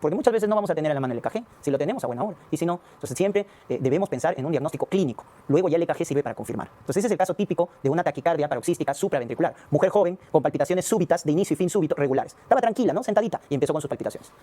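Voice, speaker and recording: Fast-talking man lecturing on medicine. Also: on the high side, animated, mellow. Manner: fast, explanatory, asks rhetorical questions and checks in with students.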